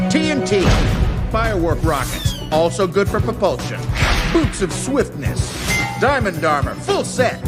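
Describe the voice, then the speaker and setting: Steve, a hammy blocky-world guide. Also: male voice, a little high. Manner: wildly over the top, hammy. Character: exuberant over-the-top adult man, a guide in a blocky world. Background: loud film score.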